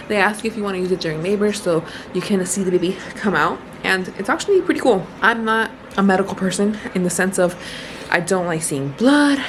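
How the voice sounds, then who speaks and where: A woman's voice: mid-range voice, slight background noise, low-quality recording. Chatty young woman vlogging from hospital. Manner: chatty, upbeat, self-deprecating. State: tired, in labor. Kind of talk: casual vlog narration. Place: hospital room.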